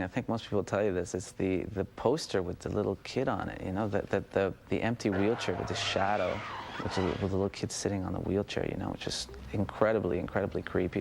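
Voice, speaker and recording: A man's voice: on the low side, gravelly. A man in a documentary interview, reminiscing about films and often restarting his sentences.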